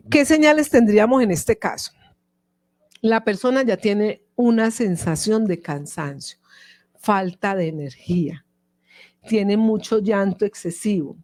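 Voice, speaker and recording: A woman's voice: medium pitch, dark tone, no echo. A woman speaking Spanish with a Colombian accent, giving an informal talk as a psychologist and often checking in with her listeners. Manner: explanatory, checks in with the audience.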